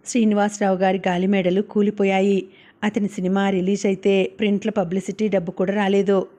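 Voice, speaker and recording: A woman narrating a novel as an audiobook, reading in a steady, even way. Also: medium pitch, a little fast.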